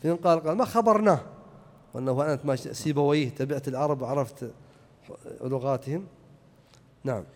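A man's voice: mid-range voice, fairly even intonation, quick pace, pauses often, a little mellow. A man teaching an Arabic grammar lesson, repeating key points and checking that his students follow. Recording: echoey hall reverb.

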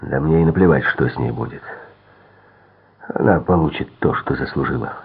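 A man reading an audiobook, voicing a hard, menacing man who speaks in a low, muffled, curt way. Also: normal speed, husky, full character voice. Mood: cold. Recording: tinny phone-like sound.

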